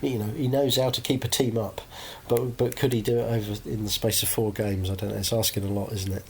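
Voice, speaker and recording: A man's voice: lowish voice, flat delivery, quick pace, darkish tone, slight background noise. Chatty man hosting a football podcast. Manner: hedging, chatty, full of tag questions. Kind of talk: casual chat.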